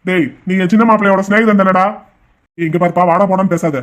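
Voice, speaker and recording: A man's voice: sits high, steady tone, fast talker. A man voicing a bossy, hot-tempered adult brother who scolds and threatens, in a cartoon. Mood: scolding. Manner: scolding, rude, shouting.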